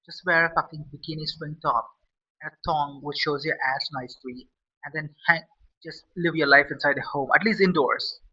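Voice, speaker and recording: A man's voice: on the high side, steady tone, moderate pace, pushed and bright, breathy edge. A man giving a blunt, profane opinion rant, repeating himself as he talks. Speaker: vlogger. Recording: lo-fi and a bit far from the mic.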